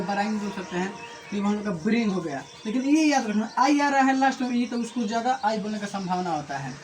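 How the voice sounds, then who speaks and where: A man's voice: high voice, low-quality recording. A man teaching English pronunciation rules to a coaching class. He explains each rule step by step, calls his students bhaiya and asks and answers his own questions. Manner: explains rules step by step, adds a short motivational rhyme. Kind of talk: classroom lesson.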